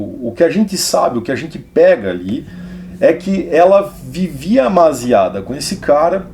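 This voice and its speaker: A man casually talking about a novel to camera as a book reviewer, meandering and restarting sentences with drawn-out fillers. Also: on the high side, dark tone, a little hiss or hum. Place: indoor studio set with camera crew.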